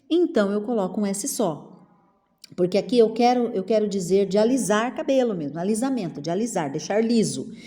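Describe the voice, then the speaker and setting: A middle-aged woman with a Brazilian Portuguese accent, teaching a spelling lesson to children and drawing words out slowly, one at a time. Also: on the high side, dark tone. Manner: slow, drawn-out word-by-word enunciation.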